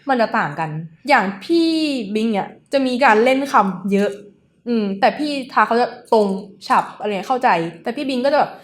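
A young woman in her twenties, a news writer, chatting casually on a podcast with lots of fillers. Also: a little high. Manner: quick chatty talk full of fillers.

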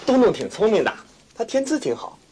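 An actor playing a young father who pleads and argues gently with his elder sister. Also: high voice, very animated, fairly quick. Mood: pleading. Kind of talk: 1990s TV drama acting. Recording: noisy old TV soundtrack.

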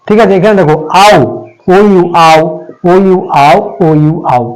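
A man's voice: high voice, normal speed, low-quality recording. A man teaching English pronunciation, spelling out letters one by one and repeating each sound patiently. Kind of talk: slow classroom explanation.

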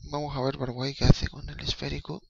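A young man from the Canary Islands commentating his own football video game on a live stream, rambling and excitable with swearing and laughing asides. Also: mid-range voice, fast talker, gravelly, muffled recording, a little hiss or hum.

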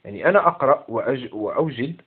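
An English teacher with an Algerian Arabic accent corrects an English exam, repeating each English word and explaining it in Arabic. His mid-range voice is husky, very fast, with lively intonation. The sound is tinny, like a phone.

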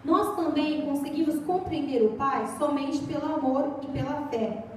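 A woman's voice: sits high, moderate pace, darkish tone, slight background noise. A young Brazilian woman preaching a sermon in a church, chatty and storytelling, recorded from far off in an echoey hall. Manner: chatty storytelling, acts out voices.

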